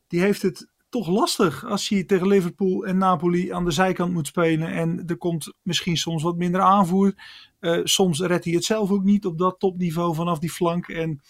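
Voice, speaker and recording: A man's voice: sits high, dry recording, clean studio sound. A man giving football analysis in a hesitant way, with many fillers and restarts. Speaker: football pundit. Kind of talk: analytical sports chat.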